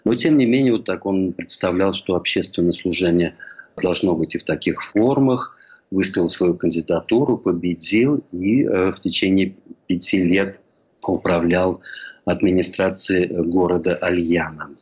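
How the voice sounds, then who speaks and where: Low husky older man reminiscing. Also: darkish tone. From Russia, St. Petersburg. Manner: measured, reflective storytelling. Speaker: historian recalling a colleague. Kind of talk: memoir lecture. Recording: dull lo-fi recording.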